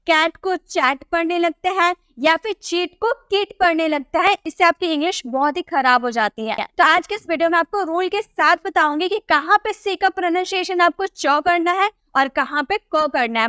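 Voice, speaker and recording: A woman with a Hindi accent and a very high, light voice teaches a pronunciation class. She repeats herself and answers her own questions, and the recording is dry and close with no room sound. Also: moderate pace, hardly any pauses, bright, forceful tone, no echo. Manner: repetitive, asks questions and answers them herself. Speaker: English teacher. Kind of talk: pronunciation lesson explaining rules.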